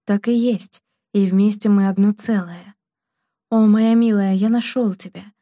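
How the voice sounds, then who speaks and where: A woman reading the lines of a passionate aristocratic man, slow and measured. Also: medium pitch, fairly even intonation, mellow, no echo, studio quality, natural voice.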